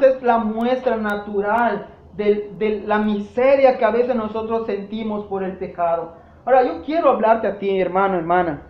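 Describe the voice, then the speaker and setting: A man's voice: sits high, roomy sound, muffled recording. A man preaching a sermon as pastor, with an impassioned delivery that keeps addressing the congregation directly. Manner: impassioned preaching, often calling out "hermanos". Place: church.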